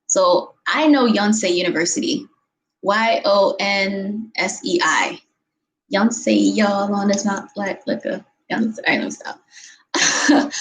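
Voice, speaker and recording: Sitting at her desk in her bedroom, a woman talks into a webcam, casually fielding viewers' questions with frequent giggles and plenty of filler words. Her voice is medium-pitched, and the low-quality recording carries a bit of background noise.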